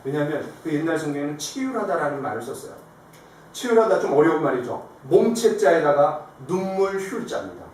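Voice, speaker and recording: A man's voice: on the high side, a little fast. A man preaching a sermon as pastor, telling stories animatedly and asking the congregation questions. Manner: animated storytelling, acting out quoted lines. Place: church sanctuary. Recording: echoey hall, distant mic, faint noise.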